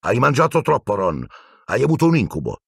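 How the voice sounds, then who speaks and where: A man's voice: medium pitch, huge pitch swings, fairly quick, gravelly, husky, no echo, clean studio sound, pitched above the performer's own voice, heavily acted. A man voicing a pompous, indignant teenage boy prefect.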